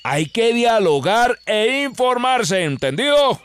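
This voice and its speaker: An actor playing a firm, reasonable army colonel, authoritative and didactic, in a public-service drama. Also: male voice, extremely high pitch, sing-song, slow, a bit bright, clean tone, full character voice.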